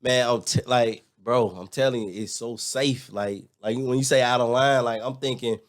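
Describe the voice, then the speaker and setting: A man in his thirties chatting casually as a guest, telling animated stories full of restarts and filler words. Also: medium pitch, moderate pace. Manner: animated storytelling, lots of "like" and restarts. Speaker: guest, former teacher abroad. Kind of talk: casual chat.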